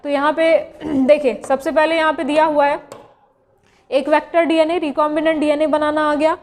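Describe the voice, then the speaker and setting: Woman from india teaching biology, high voice, keeps repeating stuff and asking the class questions, reverby room. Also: little pitch movement, moderate pace, a little mellow. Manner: repeats key terms and asks rhetorical questions. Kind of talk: classroom lecture explaining slides.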